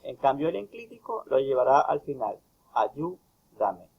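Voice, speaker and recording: A male university tutor giving a recorded grammar lecture, stressing each example phrase slowly. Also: mid-range voice, very animated, gravelly, slightly rough, highs cut off. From Ecuador. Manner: slow, emphatic reading of example phrases.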